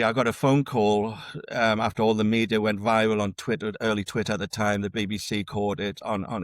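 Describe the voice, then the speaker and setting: A man's voice: on the low side, dry recording. A man being interviewed as a researcher, explaining ideas in a conversational academic way and often repeating words as he restarts. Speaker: dark tourism researcher, guest.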